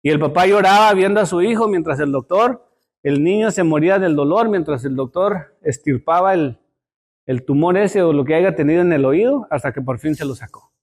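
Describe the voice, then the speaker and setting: A man's voice: a little high, animated, normal speed. A man teaching a Sunday school lesson, telling stories and often repeating and restarting his words as he speaks to the brothers and sisters. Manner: storytelling, addresses listeners as brothers.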